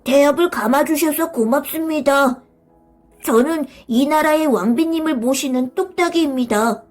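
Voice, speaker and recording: Figure: wind-up robot, loyal servant. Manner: formal, earnest. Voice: raised in pitch, as a woman puts it on. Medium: storybook. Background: faint music. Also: normal speed, darkish tone, lightly acted.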